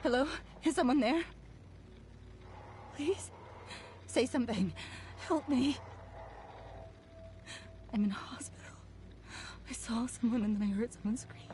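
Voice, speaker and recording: A woman voicing a frightened young woman trapped in a hospital, talking tensely and whispering at times, with clear noise behind her. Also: on the high side, lively intonation, unhurried, pauses often, darkish tone.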